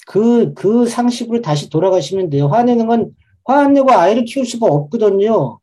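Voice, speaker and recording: A man speaking as a parenting expert to a live audience of mothers, explaining in a lively way and acting out inner voices. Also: high voice, fairly quick. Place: talk event with live audience.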